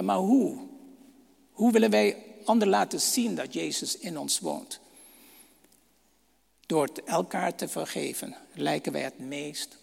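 Man, preacher, sermon, rhetorical questions, higher voice, long hall reverb. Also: creaky, breathy edge.

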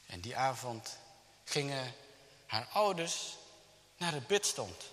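A man slowly retelling a miracle story to a congregation, halting with restarts and vivid sound effects. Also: medium pitch, big pitch swings, a bit bright. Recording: long hall reverb, faint background noise.

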